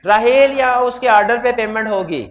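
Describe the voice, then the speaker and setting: A man teaching law in a hybrid classroom. He has a sore throat, speaks loudly into a microphone, and keeps putting questions to his students. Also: extremely high pitch, normal speed. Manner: quizzes students with repeated questions. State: throat trouble, talking loudly. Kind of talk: classroom lecture.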